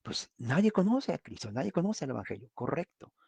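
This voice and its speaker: A man's voice: mid-range voice, big pitch swings, brisk, gravelly, mellow, slightly rough, no echo. A man preaching a conversational Bible study, often asking his listeners questions. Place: United States.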